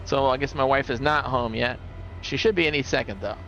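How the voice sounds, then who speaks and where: A man's voice: medium pitch, brisk, a bit bright, highs cut off, soft background music. A middle-aged man hosting a casual gaming livestream, rambling and chuckling as he tells stories. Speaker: livestream host.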